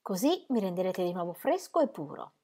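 A woman's voice: on the low side, big pitch swings, brisk, dark tone, slightly rough. A woman reading the part of a weary, charming man, a painter, in a languid, playful, theatrical manner. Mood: flirtatious.

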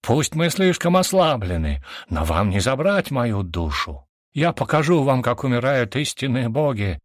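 A man voicing the last surviving god, a defiant lizard deity, shouting in an audiobook. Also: mid-range voice, sing-song, a little slow, no echo, clean studio sound, pitched above the performer's own voice.

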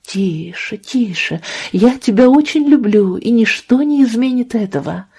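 A woman voicing a gentle, strained middle-aged mother who speaks softly and soothingly, in an audiobook. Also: a little high, expressive, normal speed, husky, pitched above the performer's own voice. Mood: tender. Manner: soft and soothing.

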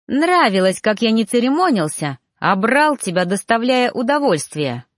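A woman voicing a possessive young male lover in a storybook reading, talking low and intense. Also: very animated, normal speed, no room sound, studio quality. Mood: angry.

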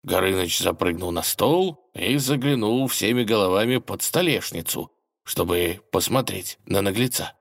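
A man narrating a fairy tale in a playful, expressive reading style. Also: fairly low pitch, normal speed, vocal fry. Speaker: storyteller.

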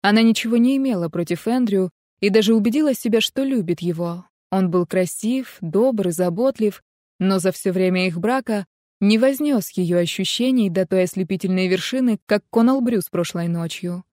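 A woman narrating a romance novel as an audiobook, in even, steady storytelling. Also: mid-range voice, moderate pace, dry recording, studio quality.

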